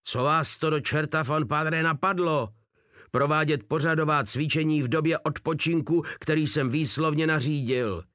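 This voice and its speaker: A man voicing an army colonel who yells a scolding down the phone. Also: on the high side, steady tone, dry recording, clean studio sound, pitched above the performer's own voice. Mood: angry. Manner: yelling, rapid scolding.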